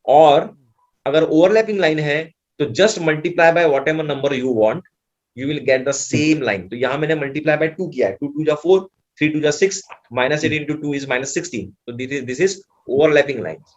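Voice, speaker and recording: A man with an Indian accent tutoring maths, his voice pitched a little high. He works through each step out loud as he writes. He keeps reassuring the student that it is all simple. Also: slow, dull audio. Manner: breezy, reassuring, thinks aloud while writing. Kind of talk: explaining maths problems.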